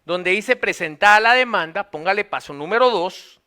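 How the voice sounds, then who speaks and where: A man giving a law lecture, dictating steps and repeating phrases slowly so students can note them down. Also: sits high, animated, sharp tone, clear, resonant tone.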